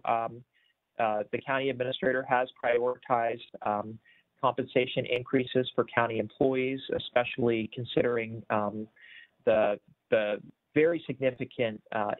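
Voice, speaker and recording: A man presenting budget figures on a video call in a measured way, with frequent filler words and restarts. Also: medium pitch, dry recording. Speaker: county budget official presenting at a town hall. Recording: tinny, dry video-call audio.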